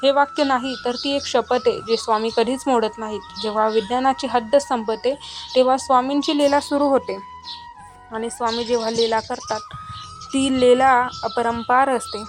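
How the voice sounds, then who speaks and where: A woman's voice: on the high side, steady tone, normal speed, over music. A woman narrating a devotional story in an earnest way, speaking directly to listeners as fellow devotees.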